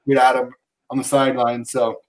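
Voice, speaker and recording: A man's voice: medium pitch, completely flat delivery, moderate pace, low-quality recording. A man, an arm wrestler, talking cocky and boastful in casual chat.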